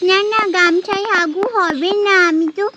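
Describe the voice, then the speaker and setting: A woman's voice: very high-pitched, fairly even intonation, moderate pace, noisy background. A woman voicing a shy little girl in a doll story who whines and pleads with her mother. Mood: bashful. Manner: whining, pleading.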